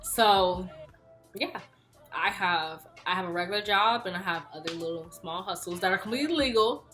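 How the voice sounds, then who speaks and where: She's a YouTuber from Houston, Texas, in her early twenties, answering questions in a vlog with a playful, chatty manner and plenty of laughs. Her lowish voice moves at a normal speed, with music in the background.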